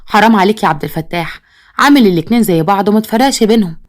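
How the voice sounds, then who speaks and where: A woman's voice: medium pitch, expressive, racing, natural voice. Insistent Egyptian mother, read by a woman. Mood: protesting. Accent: Egyptian Arabic. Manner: protesting, insistent. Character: wronged, outspoken Egyptian mother and wife.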